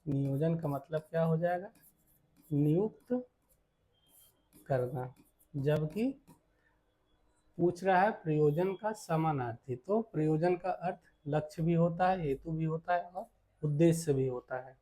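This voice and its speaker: A male teacher works through exam questions at a very slow, deliberate pace. His voice sits a little high but sounds dark and mellow. He poses each question twice, answers it himself, and checks in often with "theek hai.". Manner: slow and repetitive, asks then answers his own questions; frequent "ठीक है" check-ins. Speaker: Hindi teacher. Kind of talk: exam-prep lesson, solving multiple-choice questions.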